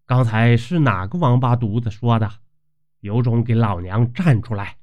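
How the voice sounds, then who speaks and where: A man's voice: low voice, big pitch swings, unhurried. A man voicing a domineering, foul-mouthed middle-aged landlord's wife who talks in a harsh, bossy way. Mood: scornful. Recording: dull lo-fi recording.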